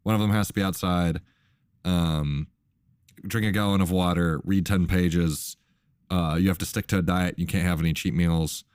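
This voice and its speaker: A man's voice: low voice, steady tone, moderate pace, a little mellow, smooth, dry recording, clean studio sound. A young man hosting a casual podcast chat, laid-back and full of fillers. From Minnesota, USA. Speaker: host.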